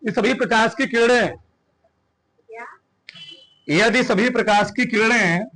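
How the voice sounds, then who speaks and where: A male physics teacher dictating a classroom lecture, repeating phrases slowly and quizzing his students. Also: very high voice, pushed and bright.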